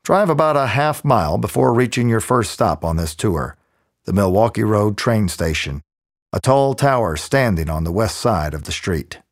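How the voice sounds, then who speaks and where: A man narrating a scripted audio tour in the smooth, measured, clearly articulated manner of a museum guide. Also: lowish voice, animated. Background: background music.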